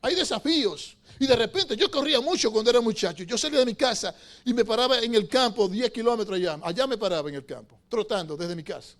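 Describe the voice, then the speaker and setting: Speaking quickly and with few pauses, this pastor has a strikingly high male voice and addresses his flock in the sanctuary. His sermon shifts from hushed narration to loud, passionate exhortation, and he draws listeners in with repeated rhetorical questions.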